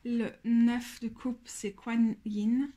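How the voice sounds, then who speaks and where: A woman casually walking through a card deck on her channel, speaking in a thoughtful, hesitant way and often pausing to search for words. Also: fairly high pitch, level tone, mellow. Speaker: tarot deck reviewer.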